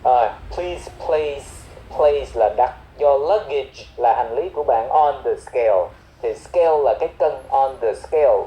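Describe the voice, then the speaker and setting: A man teaching English airport phrases, explaining each one and repeating key words slowly. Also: medium pitch, warm tone, echoey room, slight background noise, rough recording.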